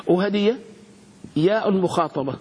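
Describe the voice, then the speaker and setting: Fields: Sex: male. Role: grammar teacher. Pitch: high. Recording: echoey room. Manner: questioning students, spelling words out slowly. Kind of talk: classroom grammar lesson. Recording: echoey room with long reverb, faint noise.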